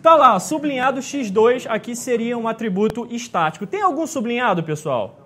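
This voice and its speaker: A man's voice: very high-pitched, lively intonation, moderate pace, fairly bright tone. A man teaching a live exam-prep class, chatty and jokey, often checking in with his students.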